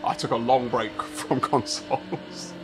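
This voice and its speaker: Over music, a man in his 30s with a medium-pitched, fairly even voice talks at a measured pace. He's live-streaming a racing game, chatty and rambling as he talks to chat and laughs often.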